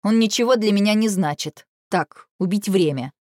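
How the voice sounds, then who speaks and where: Lady doing a cold wife, quiet and curt, mid pitch. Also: normal speed, no room sound, clean studio sound, natural voice. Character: wife, adult woman, guarded and cold.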